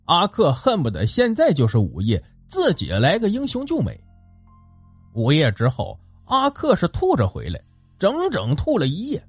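A male storyteller with a high, very lively voice and a husky grain, narrating a ghost story in a colloquial, animated way. The recording is dry and close, with faint music underneath. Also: moderate pace, no echo.

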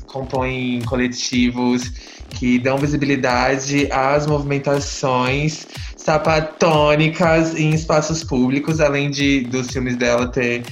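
A Brazilian man hosting a casual podcast chat, talking in a slangy, effusive way. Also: medium pitch. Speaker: podcast host. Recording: roomy echo, faint music behind.

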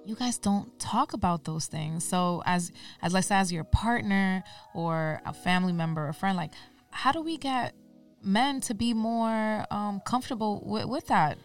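A woman's voice: mid-range voice, moderate pace, distant mic, faint music behind. A woman guest on a casual podcast, talking earnestly and sprinkling her speech with "like" and "um". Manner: earnest, uses filler like "like" and "um". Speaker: interview guest.

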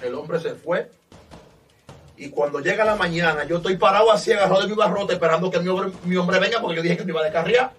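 A man, a pastor, giving an impassioned testimony that swings from loud exclamations to hushed storytelling. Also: high voice, fast, distant mic. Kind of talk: fervent preaching testimony.

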